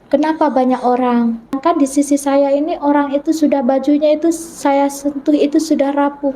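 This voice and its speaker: Wanita bersuara tinggi yang bercerita dengan sungguh-sungguh. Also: female voice, high voice, fairly even intonation, moderate pace, dark tone, slight background noise, low-quality recording. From North Sulawesi, Indonesia. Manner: earnest storytelling, acting out remembered dialogue. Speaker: guest telling her conversion story. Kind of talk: personal testimony in an interview.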